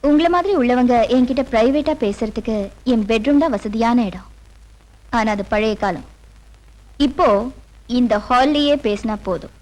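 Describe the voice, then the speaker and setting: A woman's voice: fairly high pitch, moderate pace, long pauses, natural voice, low-quality recording. An actress playing a defiant woman who accuses a powerful man and vows to write about her past, in dubbed film dialogue. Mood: scornful. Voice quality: defiant, sharp. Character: defiant woman writing her memoir, bitter.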